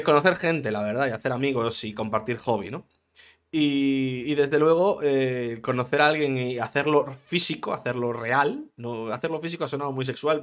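A man's voice: mid-range voice, fairly bright tone. A man hosting a casual solo podcast, rambling and chatty, with frequent restarts and swearing. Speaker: podcast host, gaming streamer.

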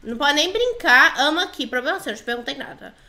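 Bright, lively young Brazilian woman. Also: high voice, fast talker, soft background music. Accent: Brazilian Portuguese. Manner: chatty and playful, reads out chat lines in mock voices. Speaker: gaming YouTuber. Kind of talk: playing and narrating a role-play game.

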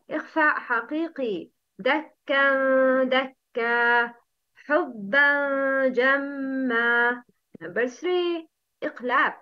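A woman teaching tajweed, reciting Quran slowly and drawing out words for her learners to repeat. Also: sits high, lo-fi sound.

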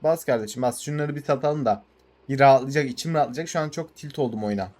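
A young Turkish man commenting on his farming game in a casual, excitable way, swearing and urging his tractor on. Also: mid-range voice, fast. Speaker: gaming channel host.

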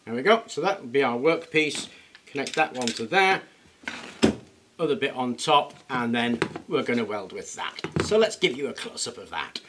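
Recorded in an indoor workshop with a noisy background, a middle-aged male host gives a casual demonstration of his project, joking at his own expense as he works with his hands. He speaks expressively at a moderate pace in a mid-range voice.

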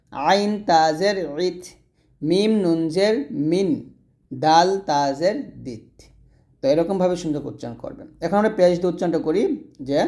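A man with a Bangladeshi Bengali accent teaching Quran reading, spelling out letters and vowel marks slowly and pausing for students to repeat. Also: high-pitched, darkish tone. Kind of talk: slow recitation drill lesson.

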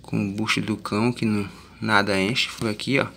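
A man's voice: fairly low pitch, flat delivery, normal speed, creaky, pushed and bright, slight background noise. A man with a Northeastern Brazilian accent, chatting casually to viewers about his garden in a folksy, plain-spoken way. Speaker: vlogger. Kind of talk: casual plant vlog.

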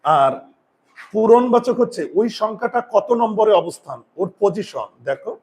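A male grammar teacher giving a lesson, repeating key terms slowly, counting aloud and telling students to write things down. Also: sits high, animated, darkish tone. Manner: counts aloud and asks rhetorical check questions. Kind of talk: classroom-style grammar lesson.

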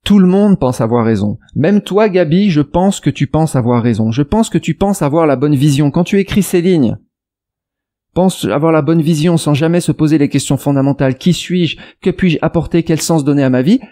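A man's voice: fairly high pitch, lively intonation, moderate pace, warm tone. A man from France giving a rambling, digressive video reply to a viewer's comment, with many restarts and fillers and arguing straight at the viewer. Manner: addresses the viewer directly and argues a point. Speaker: investment YouTuber.

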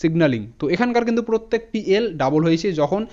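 Guy teaching spelling, high smooth voice, spells each word out slow and steady, kinda dull lo-fi sound. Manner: steady, spells words out letter by letter. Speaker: English teacher. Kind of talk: spelling lesson explanation. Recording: dull lo-fi audio.

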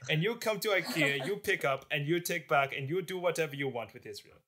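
A man's voice: on the high side, animated, a little fast, bright, forceful tone. A man putting on an exaggerated Soviet official's voice in a comedic history podcast, pompous and bureaucratic. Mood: mock-official. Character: blustering Soviet official, mock Russian accent.

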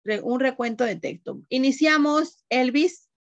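A woman's voice: high-pitched, a little slow, no room sound, dull audio. A woman teacher giving an online class, explaining patiently and asking the class questions.

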